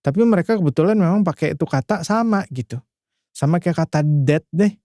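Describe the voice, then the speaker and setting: Indonesian guy teaching english casually, kinda high voice, dry close sound, rambly and chatty. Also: lively intonation, a little fast, mellow, no room sound. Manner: chatty, loose, many filler tags and restarts. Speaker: English tutor. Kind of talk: casual screen-share language lesson.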